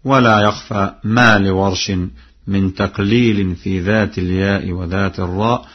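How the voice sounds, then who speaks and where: A man from Egypt giving a broadcast lesson on Quran reading variants, explaining in a measured way and chanting verse examples. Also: low-pitched, fairly even intonation, husky. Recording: lo-fi radio broadcast.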